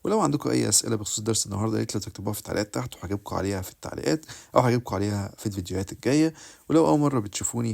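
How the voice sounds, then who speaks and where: A man with an Egyptian Arabic accent, the channel host, wrapping up a video in a quick, running sign-off. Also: fairly low pitch, creaky, a little mellow, husky.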